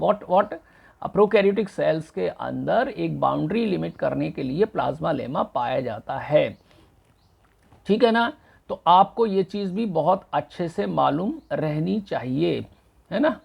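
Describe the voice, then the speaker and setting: Slow, gravelly professor. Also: male voice, a little high. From central India. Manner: deliberate, repeats and spells out key answers. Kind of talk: exam-prep lecture mixing Hindi and English.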